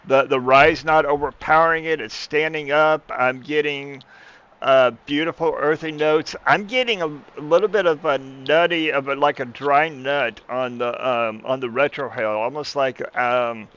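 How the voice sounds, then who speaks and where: A man's voice: mid-range voice, steady tone, normal speed, fairly bright tone, clear, resonant tone, highs cut off. A man co-hosting a casual tasting chat, enthusiastic and often repeating words as he starts a sentence. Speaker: podcast co-host.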